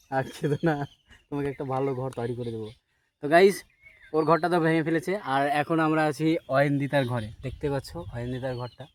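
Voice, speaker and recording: A man hosting a family vlog who explains things plainly to his viewers in a brisk, casual way. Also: on the high side. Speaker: vlogger host. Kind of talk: casual vlog talk to camera.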